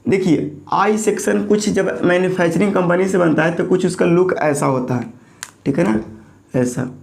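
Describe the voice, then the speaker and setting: A lecturing man with a fairly high voice. He asks the class each term and then answers it himself. His throat is a little sore, which makes the voice slightly thick and hoarse. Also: normal speed, a little mellow. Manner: repeats key terms as call-and-response questions. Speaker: teacher.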